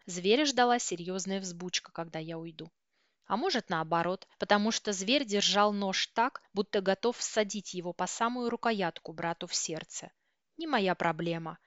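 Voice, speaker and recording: A woman's voice: mid-range voice, a bit bright, dry recording. Lady narrating an audiobook chapter, dead dry room, kinda dull lo-fi tone. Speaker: audiobook reader. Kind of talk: first-person novel narration.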